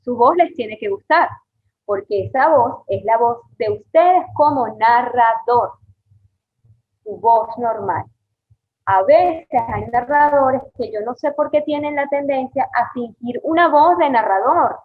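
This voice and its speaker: A woman teaches a storytelling class, speaking slowly and clearly in a fairly high voice. She keeps checking in with her students. The sound is tinny and narrow, like a video call over a phone line. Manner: slow, clear, encouraging, checks in with "ok?". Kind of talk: online class lecture.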